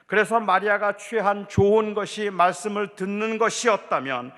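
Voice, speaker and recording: A man's voice: sits high, normal speed, fairly bright tone. A male pastor preaching a sermon, telling the story vividly and acting out voices. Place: church. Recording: echoey church hall.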